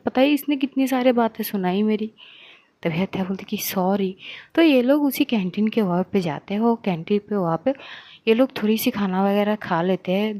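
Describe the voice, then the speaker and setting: A woman's voice: mid-range voice, warm tone, dry recording. A woman casually retelling a romance story episode, acting out the dialogue with feeling as she goes. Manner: retells the plot loosely, voices the lines with feeling. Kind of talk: casual spoken story narration.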